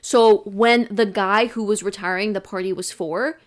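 A woman's voice: medium pitch, fairly even intonation, normal speed. A young woman from Canada co-hosting a podcast in casual chat, swearing and piling up fillers as she tells stories. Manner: swearing, filler-heavy, chatty storytelling. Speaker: podcast co-host.

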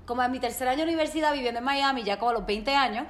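A woman's voice: high-pitched, rapid-fire, roomy sound. A woman, telling a story in a casual chat and dropping English words into her speech. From Puerto Rico.

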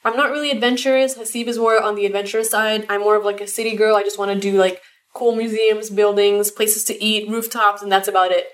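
A woman's voice: mid-range voice, flat delivery, fast, few pauses. Chatty American woman co-hosting a podcast. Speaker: podcast co-host. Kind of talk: casual chat. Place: home living room.

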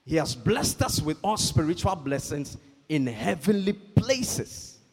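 A man preaching a sermon, slow and emphatic, calling for amens and rising to shouts. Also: fairly high pitch, big pitch swings. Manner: call-and-response, calls for amens. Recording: long hall reverb.

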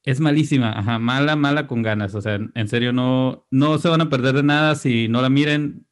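A man's voice: mid-range voice, normal speed. A Mexican man hosting a casual podcast, laid-back and swearing freely as he talks about films. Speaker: podcast host.

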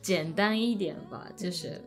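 A woman's voice: lowish voice, unhurried, music in the background. A woman from Japan with a Japanese accent, a foreigner speaking Mandarin who feels for words while interviewing in a casual chat.

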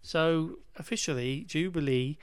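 A wry man on a podcast recaps a film in casual chat, rambling and exasperated, with frequent restarts, laughs, and the occasional swear. His fairly high voice is clear and resonant at a measured pace, recorded dry with clean studio sound.

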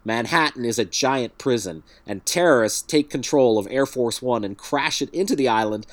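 A man's voice: mid-range voice, lively intonation, normal speed, no room sound. A man co-hosting a casual film review podcast, speaking in a wry, dryly joking way as he recaps a plot. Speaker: podcast co-host.

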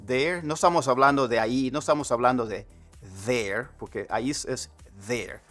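Man, native Spanish speaker, English teacher, slow careful repetition, medium pitch, soft music behind. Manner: animated, repeats English phrases slowly for learners. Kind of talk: Spanish-language English lesson.

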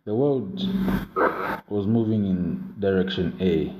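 A man's voice: low-pitched, takes it slowly. A young man in a casual podcast discussion, explaining his opinions step by step and repeating himself. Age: young adult. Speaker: podcast co-host. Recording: roomy, muffled, noisy home recording.

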